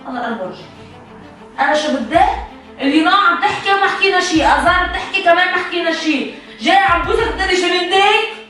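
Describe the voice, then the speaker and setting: Woman, fast, accusing; distant, very echoey, faint noise. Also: very high-pitched, lively intonation, bright, forceful tone, faint music behind. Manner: accusing, confrontational, repeating questions. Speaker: prank target, wife. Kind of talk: heated domestic argument. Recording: very echoey room, far from mic, faint noise.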